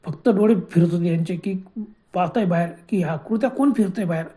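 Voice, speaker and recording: A man's voice: sits high, a little fast, dark tone. A man narrating a horror story in a dramatic way, often exclaiming in fright.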